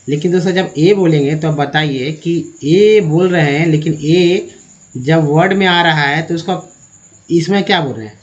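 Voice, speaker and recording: A man teaching an English pronunciation lesson, slowly spelling words letter by letter and addressing viewers as friends. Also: a little high. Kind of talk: spoken language lesson. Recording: dull lo-fi recording.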